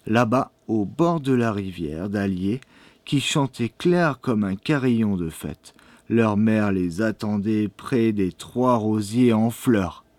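A man narrating a children's storybook in a measured, expressive way. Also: lowish voice, no room sound.

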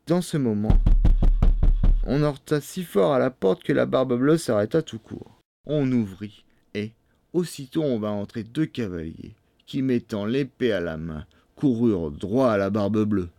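A man narrating a fairy tale for children in an expressive storybook reading. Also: lowish voice, no room sound. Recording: dry studio sound.

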